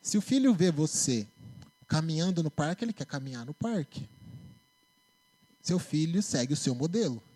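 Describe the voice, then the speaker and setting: Man, Brazilian accent, sermon, church, animated pitch, chatty preaching. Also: moderate pace, long pauses. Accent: Brazilian Portuguese. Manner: conversational, animated preaching with tag questions. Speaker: preacher and psychologist.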